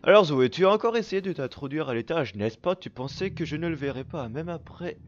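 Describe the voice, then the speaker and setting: A man's voice: on the high side, expressive, brisk, muffled recording, pitched above the performer's own voice, close to an everyday voice. A man reading out a game letter as a bitter, cruel mother who scolds and threatens her ungrateful daughter. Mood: scolding. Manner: reproachful, threatening.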